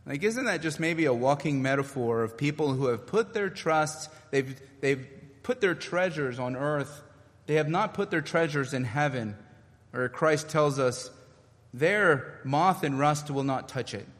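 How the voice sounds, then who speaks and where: A man's voice: a little high, animated, measured pace, big-room sound. A man preaching a sermon in an earnest way, building his points through rhetorical questions.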